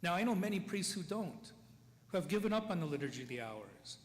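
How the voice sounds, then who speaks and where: A priest giving a eulogy at a funeral mass, talking in a conversational way, checking in with the listeners and chuckling between stories. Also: male voice, sits high, big pitch swings, fairly quick. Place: church. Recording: long church reverb, faint ambient noise.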